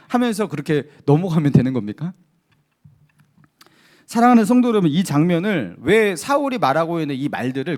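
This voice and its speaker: Male pastor, emphatic Sunday sermon voice, pitched high with lively rises and falls. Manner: emphatic preaching with rhetorical questions to the congregation.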